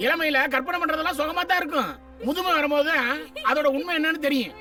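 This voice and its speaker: An older woman who sharply scolds the girls for their daydreams. Her tone is bright and high. It is heard from a distance over music. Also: quick pace. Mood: scolding. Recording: distant film audio with music.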